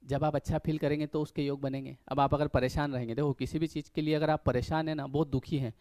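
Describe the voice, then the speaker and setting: A man's voice: on the high side, flat delivery, fast talker, a little mellow, no echo. A man giving a conversational motivational spiritual talk, earnest, full of rhetorical questions and little acted-out quotes.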